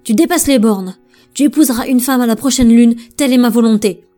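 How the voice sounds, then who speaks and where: A woman's voice: a little high, brisk, soft background music, pitched above the performer's own voice, lightly acted. A woman voicing a stern commanding queen. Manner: sharp, commanding outbursts.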